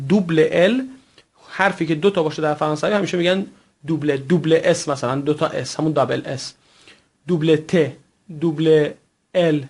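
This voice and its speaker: A man teaching French pronunciation, who speaks natively, patient and careful, stretching out words and repeating them slowly. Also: fairly high pitch, gravelly, darkish tone. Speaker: language teacher. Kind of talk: recorded French pronunciation lesson.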